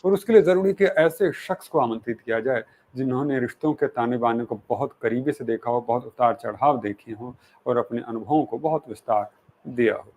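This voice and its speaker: A man hosting an interview show, speaking in a measured, formal way and opening with a couplet of poetry. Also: medium pitch, darkish tone. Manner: measured, recites Urdu poetry, polite formal address. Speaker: interview host.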